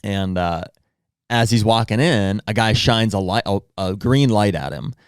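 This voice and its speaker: A man's voice: fairly low pitch, measured pace, smooth, no echo, clean studio sound. A man guest on a podcast, a hunting guide telling a rambling anecdote in casual chat, acting out what people said. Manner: rambling anecdote with acted-out quotes. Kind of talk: casual storytelling.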